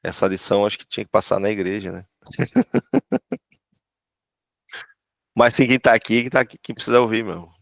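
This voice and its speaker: A man's voice: fairly low pitch, moderate pace, gravelly, pauses often, no room sound. A man from Brazil, a pastor giving an informal church class who talks conversationally, acts out quoted voices and keeps checking for agreement. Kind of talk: informal teaching talk.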